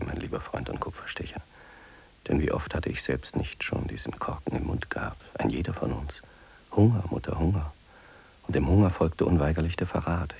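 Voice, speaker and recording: A man narrating a literary drama in a hushed, inward, half-whispered way. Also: very deep voice, gravelly, husky.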